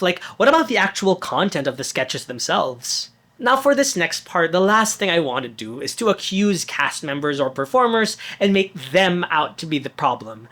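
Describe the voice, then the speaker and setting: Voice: mid-range voice, a bit bright. A narrator reading a scripted video essay in a conversational tone with wry asides.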